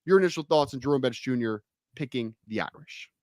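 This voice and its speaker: A man hosting a casual sports talk show, a bit hoarse from a cold and talking with emphatic energy. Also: medium pitch, quick pace, no room sound, studio quality. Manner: energetic, emphatic, hypes the audience. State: hoarse, slightly under the weather. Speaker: podcast host.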